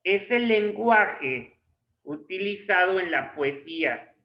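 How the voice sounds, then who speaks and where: A male literature teacher dictates a lesson at a very slow pace, in short measured phrases. His voice sits high for a man. The sound is dull and lo-fi, in an echoey room. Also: expressive.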